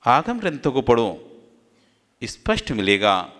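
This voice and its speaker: A man giving a Jain sermon, repeating phrases and swinging from loud exhortation to hushed low asides. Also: very animated, unhurried. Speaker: Jain monk preacher. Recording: long reverb of a hall.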